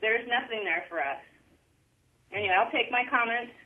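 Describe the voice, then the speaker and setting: A woman's voice: fairly high pitch, normal speed. A woman calling into a show on speakerphone, talking in an earnest, rambling, hesitant way. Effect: phone call on speakerphone. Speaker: caller. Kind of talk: casual call-in chat. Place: at her workplace. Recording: tinny phone line, far from mic.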